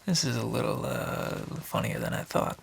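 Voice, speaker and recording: A man voices a friendly, nosy bartender for an ASMR noir radio drama, heavily acted with huge pitch swings at normal speed. He talks in a gravelly low whisper, a hesitant, chatty half-whisper packed with uhs.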